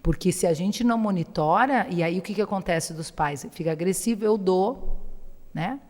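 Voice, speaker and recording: A woman's voice: on the low side, moderate pace. Chatty woman psychologist in a reverberant room. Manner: animated storytelling, acting out dialogue with her kids. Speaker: psychologist guest. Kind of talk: casual conversation.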